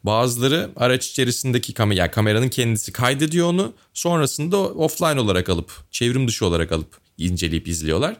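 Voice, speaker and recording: A man co-hosting a casual talk show, giving opinions at length and thinking aloud with fillers. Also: mid-range voice. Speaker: podcast co-host. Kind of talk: casual conversational commentary.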